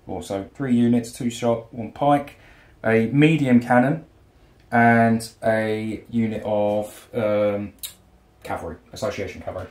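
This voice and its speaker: A man's voice: lowish voice, unhurried. Man explaining rules in an echoey room. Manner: steady, reads out unit rules with hesitant ums. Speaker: opposing wargame player. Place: home room with a wargame table. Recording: roomy echo.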